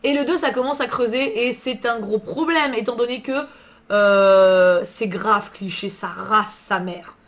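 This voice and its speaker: Woman, live book streamer, casual chat, slangy and profane, voice on the high side. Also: measured pace. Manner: slangy, swears freely, answers chat messages.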